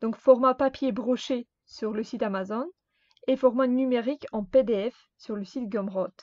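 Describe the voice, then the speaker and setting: A woman teaching a grammar lesson, speaking slowly and carefully and repeating each example word. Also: fairly high pitch, dark tone, no echo. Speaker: Russian language teacher. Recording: dull dry lo-fi sound.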